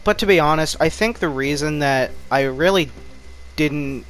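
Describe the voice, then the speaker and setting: A man's voice: a little high, moderate pace, a bit bright. A man giving casual commentary over his own gameplay, rambling and mocking himself, jittery from too much caffeine. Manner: rambling, self-mocking talk. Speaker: gaming YouTuber.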